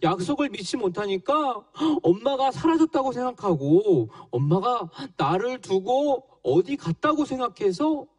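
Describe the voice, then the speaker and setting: Man, children's pastor, high lively voice, distant dry mic. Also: no echo. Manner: animated storytelling to young children, slow emphatic reading. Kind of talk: children's sermon.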